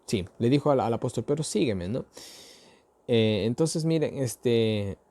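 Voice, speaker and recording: A man from Ecuador leads an informal Bible lesson in a warm, mellow voice, neither high nor low. He explains things conversationally and keeps checking in with tag questions. His sentences stall on fillers and restart often. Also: animated, unhurried. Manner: conversational and explanatory, addressing listeners directly. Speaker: Bible teacher. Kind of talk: casual Bible study talk.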